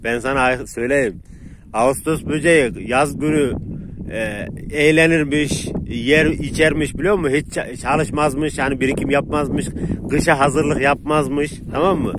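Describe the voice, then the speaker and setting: A man casually talking to viewers while herding sheep with his dogs outdoors, laughing often and calmly calming the dogs. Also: mid-range voice, moderate pace. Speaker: shepherd vlogger. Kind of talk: casual outdoor vlog narration. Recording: outdoor noise, wind and animals.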